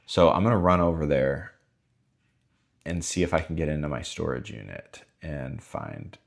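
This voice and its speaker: A man's voice: a bass voice, moderate pace, vocal fry. Frustrated man venting in a vlog. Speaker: vlogger documenting his life. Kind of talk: casual self-filmed vlog.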